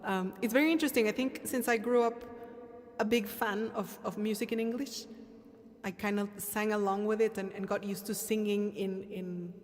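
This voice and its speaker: A native Spanish speaker with a Mexican accent, this woman hosts a live stream as the singer and chats casually with viewers. Her voice is medium in pitch, steady in tone and at a normal speed. She comes across as candid and chatty, restarting often and repeating words.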